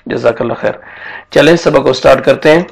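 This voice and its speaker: A man teaching a Quran recitation lesson, patiently explaining each letter and sound, then chanting the verses slowly. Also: mid-range voice, vocal fry, rough recording.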